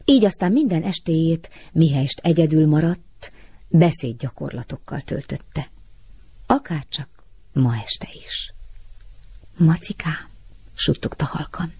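A woman reads a storybook aloud in a gentle, dreamy voice that often sinks to a whisper. Her tone is low and husky, with a gravelly edge. The sound is close and dry. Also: no room sound. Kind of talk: storybook narration.

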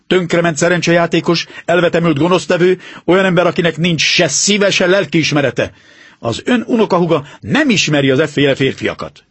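A man's voice: fairly high pitch, husky, no room sound. Man voicing a stern, self-assured detective. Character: calm, stern male detective, confident and precise. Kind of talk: audiobook reading.

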